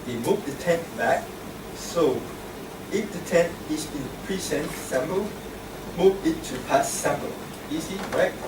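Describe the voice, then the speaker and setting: Acting as grammarian at a club meeting, a man gives a short grammar lesson, teaching plainly and repetitively with worked examples. His voice is on the high side and a little slow. The room is echoey, the mic distant, and air conditioning hums in the background.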